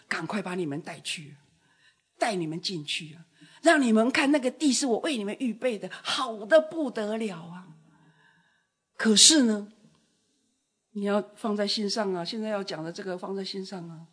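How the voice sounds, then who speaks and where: Her voice husky and breathy, a woman delivers a dramatic sermon, building to loud outbursts and then falling to quiet, hushed words. She speaks at a normal speed with a medium pitch and plenty of expression.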